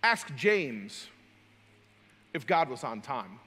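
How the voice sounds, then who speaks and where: A male pastor delivering a sermon in a dynamic style, swinging between loud and hushed, with folksy joking asides. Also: medium pitch, very animated, slow pace, husky, in a large hall.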